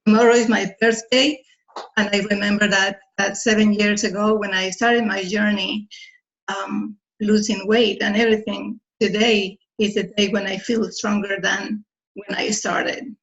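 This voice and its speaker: Earnest older woman, flat voice, dull call audio. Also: medium pitch. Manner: earnest and deliberate, with hesitant fillers. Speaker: team member on a group call. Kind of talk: heartfelt personal testimony. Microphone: video call.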